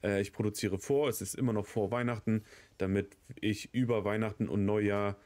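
Fairly low-pitched and darkish, his voice stays steady while moving fairly quickly. He's a let's play host in his thirties with a cold, coughing and cursing casually as he mutters reactions to the gameplay.

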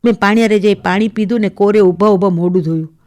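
Woman, radio story reader, first-person narration, steady measured delivery, middle pitch. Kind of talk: radio serial story reading.

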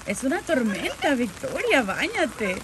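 High, lively woman cooing at a parrot. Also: unhurried. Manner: sing-song, coddling pet talk. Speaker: parrot owner. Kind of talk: talking to a pet parrot. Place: outdoors in the rain. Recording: rain noise behind the voice.

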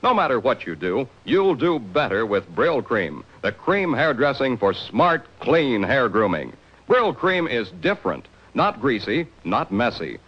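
A man reads a persuasive ad script with emphatic, animated delivery. The sound is a dull vintage TV soundtrack. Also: medium pitch, measured pace, slightly rough. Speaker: commercial announcer. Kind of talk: scripted 1950s TV ad pitch.

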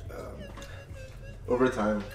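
A man's voice: mid-range voice, wildly swooping pitch, slow, roomy sound. Casual young man vlogging over background music. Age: 20s. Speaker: vlogger taking part in a food challenge. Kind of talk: casual vlog chat. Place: home kitchen and dining table, indoors.

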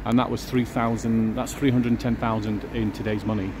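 A man's voice: fairly low pitch, little pitch movement, a little fast. Chatty man outdoors. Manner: chatty, musing aloud with fillers. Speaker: vlogger giving a walking tour. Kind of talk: casual walking-tour commentary. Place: outdoors on a city street. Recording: outdoor street noise behind.

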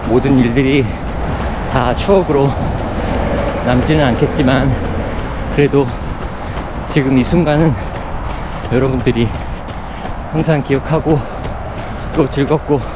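A man records a reflective running vlog outdoors, with clear urban noise around him. He talks while running, in short broken phrases and at a medium pitch. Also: fairly even intonation, unhurried, pauses often, lo-fi sound. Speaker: running vlogger. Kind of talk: reflective casual vlog monologue. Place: outdoors on city running paths.

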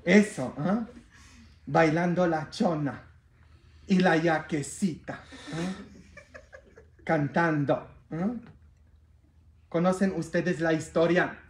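A man preaching a sermon as a priest, playful and animated, with bursts of shouting. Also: fairly high pitch, drawn-out words, long pauses, a little hiss or hum. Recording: roomy echo.

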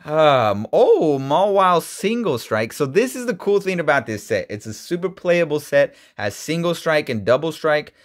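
A man's voice: fairly high pitch, big pitch swings, moderate pace, few pauses. A man in his thirties rambles casually while opening card packs, filling gaps with ums and restarting sentences. When something surprises him his voice leaps up. He is recorded indoors on a webcam with a desk mic. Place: indoor room, seen on webcam.

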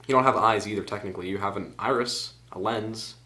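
A man's voice: lowish voice, fairly quick, sharp tone. A teenage boy rambling casually in a home vlog, drifting into tangents and joking at himself, recorded on the camera's own mic. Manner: rambling, goes off on tangents, self-mocking. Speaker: vlogger.

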